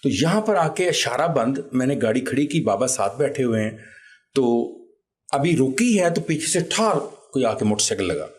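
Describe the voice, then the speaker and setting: A man's voice: mid-range voice, big pitch swings. A man, telling a personal story as an interview guest in a vivid, conversational way. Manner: vivid anecdotal retelling, acts out quoted voices.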